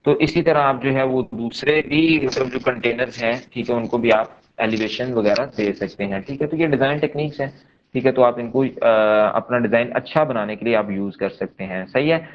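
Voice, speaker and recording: A man's voice: medium pitch, normal speed, lo-fi sound. A man giving a step-by-step screen-share coding lesson, checking in often with his listeners. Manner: explains step by step, checks in often with "theek hai?". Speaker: programming instructor.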